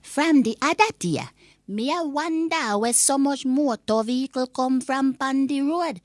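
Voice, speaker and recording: A woman's voice: sits high, measured pace, dry recording, studio quality, faint music behind. A woman playing a cantankerous old Jamaican granny, ranting comically in patois with indignant, emphatic scolding. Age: older. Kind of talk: comic rant monologue in patois.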